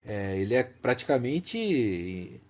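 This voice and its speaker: A Brazilian podcast host co-hosts a casual film discussion, explaining things emphatically and repeating key phrases. His medium-pitched voice is very animated, at a slow pace.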